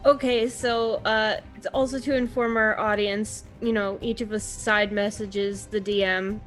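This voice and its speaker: A woman chatting casually as a tabletop game player, explaining haltingly. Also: mid-range voice, steady tone, a bit bright, soft background music.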